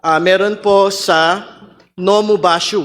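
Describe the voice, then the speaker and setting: A man with a Filipino accent and a fairly high voice. He questions formally as a congressman in a hearing, choosing his words deliberately and often halting between them. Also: fairly even intonation, a bit bright. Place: legislative hearing room, over microphone.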